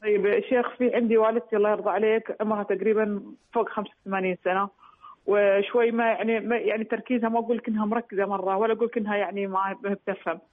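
A woman's voice: mid-range voice, fairly even intonation, racing. A middle-aged woman calling in to a radio show, who explains her question hesitantly and restarts her sentences often. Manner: hesitant, restarting, recounting at length. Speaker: caller. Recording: tinny phone line.

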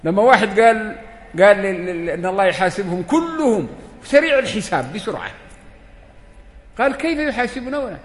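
Preacher in an echoey hall. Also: male voice, high voice, big pitch swings, a little fast, pauses often. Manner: questions the listeners, acts out dialogues. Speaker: religious teacher. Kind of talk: lesson to a seated audience.

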